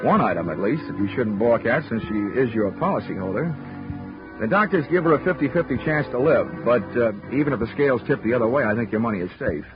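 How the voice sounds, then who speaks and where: Fast and animated, with a natural mid-range voice, a man plays the hard-boiled insurance investigator who narrates and stars in a 1940s radio drama. His wry telling of the case is full of dry quips, and the recording is a lo-fi period broadcast with music.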